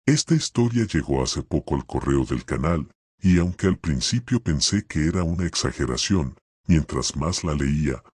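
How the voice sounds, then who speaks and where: A man with an extremely low, husky voice reads a horror tale slowly and steadily. The sound is dry and close, with no room around it. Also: lively intonation, a little mellow, dry recording. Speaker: narrator. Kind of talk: scripted horror narration.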